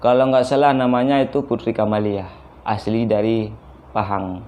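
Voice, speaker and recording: Low, flat-voiced man. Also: moderate pace. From Aceh, Indonesia. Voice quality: hesitant, searching for words. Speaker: reaction video host. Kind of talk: casual talk to viewers.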